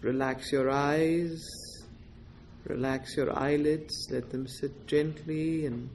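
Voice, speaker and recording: A meditation teacher speaks very slowly in a fairly low voice for a woman, keeping her tone steady. She offers gentle instructions in short, deliberate phrases with pauses between them. A faint wash of background noise sits underneath.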